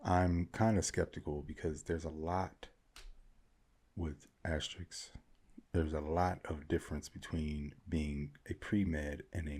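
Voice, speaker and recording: A man's voice: low voice, a little mellow, breathy edge, exaggerated voice. Man doing a defensive young guy's put-on voice. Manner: put-on reading voice with an odd accent. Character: young male poster, defensive and self-justifying.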